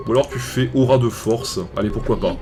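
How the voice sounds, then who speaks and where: A man's voice: medium pitch, steady tone, a little fast, dark tone, soft background music. A young man hosting a let's play, casual and rambling, often stumbling and restarting as he talks over gameplay. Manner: rambling, hesitant, restarts and fillers. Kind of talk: casual game commentary.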